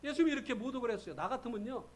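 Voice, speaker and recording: A man's voice: very high-pitched, expressive, rapid-fire. A man preaching a revival sermon in a church, telling stories with feeling and acting out quoted voices. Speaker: pastor.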